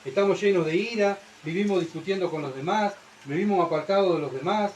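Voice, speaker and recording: Man, Uruguayan accent, sermon, high voice, faint room hum. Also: a little fast, darkish tone, poor audio. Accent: Uruguayan Spanish. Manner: rhetorical questions to the congregation, frequent "¿verdad?". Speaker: preacher. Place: church.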